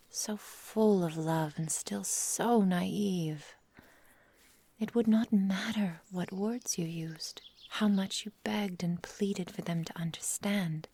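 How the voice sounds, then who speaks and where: A woman plays a possessive, adoring immortal witch who lives in the forest, in an intimate ASMR roleplay with slow, dramatic delivery. Her full character voice sits on the low side and is soft, breathy, and whispery. Using tender endearments and formal, old-fashioned storybook phrasing, she moves from adoring to bitter.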